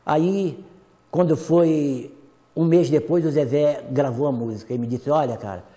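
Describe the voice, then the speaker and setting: A man on a talk show tells an emotional story and acts out the dialogue. His voice is fairly high but mellow. It carries a long studio reverb with soft guitar behind it. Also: measured pace. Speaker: songwriter guest.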